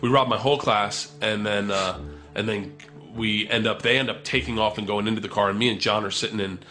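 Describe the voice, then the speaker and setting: A young man telling a comic story in an animated, profane way, acting out the voices of the people in it. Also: lowish voice, a little fast, faint music behind. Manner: profane, animated, acts out quotes.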